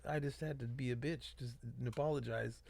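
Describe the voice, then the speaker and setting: A man's voice: mid-range voice, steady tone, fairly quick, vocal fry, darkish tone, dry recording. A man co-hosting a comedy podcast, telling rambling, crude stories with plenty of swearing. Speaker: podcast co-host. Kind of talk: casual comedy podcast chat.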